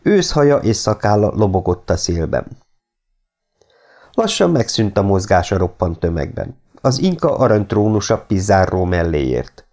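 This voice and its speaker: A man narrating an audiobook in a steady, measured reading voice. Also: sits low. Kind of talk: scripted narration.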